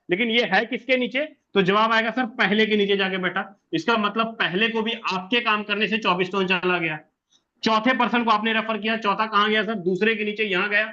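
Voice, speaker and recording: Bright, high-voiced man explaining step by step. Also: muffled recording. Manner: repetitive, asks and answers own questions, says "sir". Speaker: presenter explaining an income plan. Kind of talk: explanatory walkthrough of a diagram.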